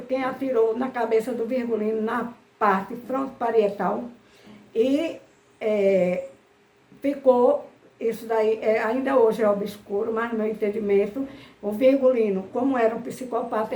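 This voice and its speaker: A woman's voice: fairly high pitch, darkish tone. Woman talking history in a roomy echo. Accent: Brazilian Portuguese. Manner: hesitant, many fillers and restarts. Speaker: history commentator. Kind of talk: spoken history talk.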